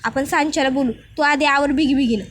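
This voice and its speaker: A woman's voice: high voice, fast, close to an everyday voice. A woman voicing a caring, chatty village elder sister who fusses in a rustic dialect. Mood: fond.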